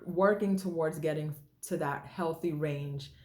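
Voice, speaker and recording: Low-voiced woman explaining health basics. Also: measured pace, a little mellow. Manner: conversational, repeats key figures, restarts phrases. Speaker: host and health educator. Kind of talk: casual explanatory health talk. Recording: roomy echoey sound.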